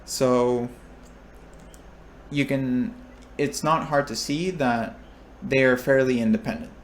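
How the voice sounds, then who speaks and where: Speaking slowly in a mid-range voice, a young recitation instructor walks through a probability lesson. He works things out aloud, backs up to restart, and checks in with his listeners, while a faint hiss or hum runs underneath.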